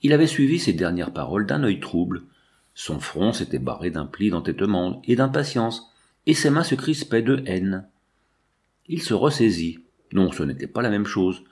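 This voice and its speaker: A man reads a classic novel aloud in a low voice. His delivery is even and deliberate, like literary audiobook narration.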